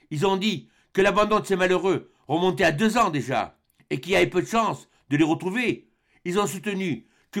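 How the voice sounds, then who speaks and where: A man reading an audiobook, voicing a young Scottish lord who gravely reports a refusal in a plain, weary tone. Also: sits high, a bit bright, heavily acted.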